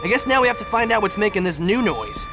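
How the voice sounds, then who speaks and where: A man voicing an earnest, excitable young boy hero in a cartoon. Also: high voice, fast, music in the background. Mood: eager. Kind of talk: cartoon voice acting.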